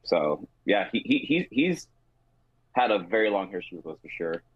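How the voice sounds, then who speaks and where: A husky-voiced man in his late twenties with a Texan accent rambles through his answer, padding it with filler words. His voice is very deep and dry. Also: big pitch swings, moderate pace, dry recording, phone-quality sound. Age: 20s. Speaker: band member. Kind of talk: casual interview.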